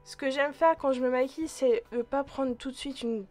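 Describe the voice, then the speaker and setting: Chatty woman with a higher voice. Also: normal speed, faint music behind. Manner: chatty, relaxed, frequent hesitations; addresses viewers directly as friends. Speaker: beauty vlogger. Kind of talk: casual makeup tutorial narration.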